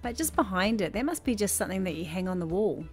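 Over faint background music, this thirty-something vlogger talks fast and expressively in a medium pitch. Sitting in her bedroom, she chats casually over her shopping clips, gushing and wandering off topic.

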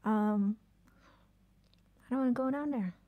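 A woman streaming a video game, chatting casually, swearing often and reacting with quick exclamations. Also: fairly high pitch, narrow, tinny audio. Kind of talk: casual live-stream commentary while playing.

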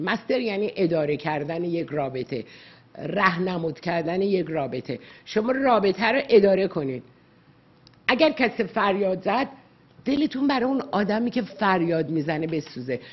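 A woman's voice: medium pitch, slightly rough, highs cut off. A woman psychologist giving earnest, lecturing advice to callers on a radio call-in show, slipping English words into her talk.

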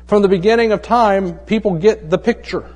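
A pastor with a notably high male voice delivers a relaxed, conversational sermon. He mixes easy joke-telling with pointed rhetorical questions. He often drops to a hushed tone to press a point home. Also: brisk, long reverb tail. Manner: tells jokes in a relaxed storytelling way.

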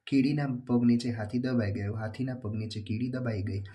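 Man reading workbook answers in a mellow voice. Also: medium pitch. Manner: steady, plain reading, slowing for rhymes. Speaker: teacher going over a workbook.

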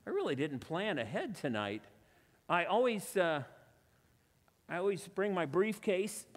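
Working with an audience volunteer in front of a church crowd, this magician speaks in a high, sing-song voice at a measured pace, his words echoing through a large hall. He keeps the banter chatty and pokes fun at himself with playful asides.

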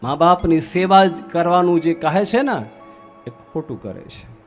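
A young man with a Gujarati accent delivers a sermon in a high, ringing voice. He keeps putting rhetorical questions to his listeners and answering them himself. A faint bed of music sits underneath. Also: lively intonation, unhurried. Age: young adult.

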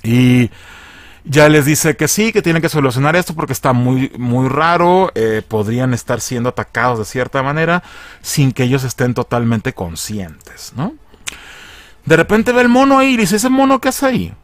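A man giving a slangy, animated recap of a TV episode, acting out the lines in different voices. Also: mid-range voice, moderate pace, no echo. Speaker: video reviewer.

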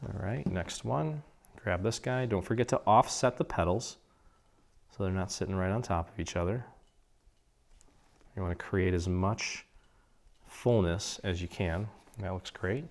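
This man's deep voice is slightly hoarse from a cold as he guides viewers through a paper craft project at an indoor craft table. He speaks at a measured pace with frequent pauses, keeping the step-by-step tutorial relaxed and chatty and clearing his throat occasionally.

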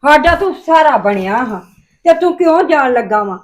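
A woman's voice: high voice, expressive, normal speed. An anxious village mother. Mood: worried pleading. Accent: Punjabi. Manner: coaxing, repeated pleading. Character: older village mother, pleading and protective. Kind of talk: family drama dialogue.

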